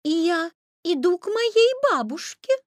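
A woman voicing a polite, naive little girl in a storybook reading, very high, slow and sing-song. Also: animated, no echo, studio quality.

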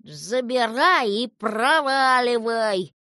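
A woman's voice: a little high, animated, takes it slowly, no echo, clean studio sound, voice pushed up, exaggerated voice. Woman voicing a grumpy old river king. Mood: angry. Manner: gruff, grumbling, shouting when angry. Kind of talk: audiobook character voice.

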